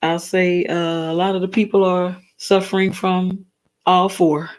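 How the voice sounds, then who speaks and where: A woman's voice: on the low side, level tone, unhurried, a little mellow. A tired woman with a slightly worn voice hosts a casual solo talk. She speaks earnestly, halts and restarts, and reads definitions aloud. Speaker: talk stream host.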